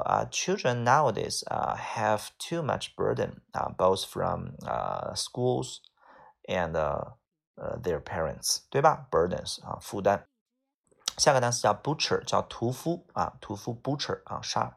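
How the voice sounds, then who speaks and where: Gravelly male English teacher. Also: fairly low pitch. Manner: repeats each word, many fillers. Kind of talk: vocabulary lesson.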